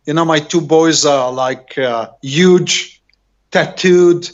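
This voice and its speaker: A middle-aged man from Israel with an Israeli accent, a native Hebrew speaker, talking casually as an interview guest and often searching for words over a video call. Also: on the high side. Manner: halting, rambling, searching for words. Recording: dull, lo-fi video call audio.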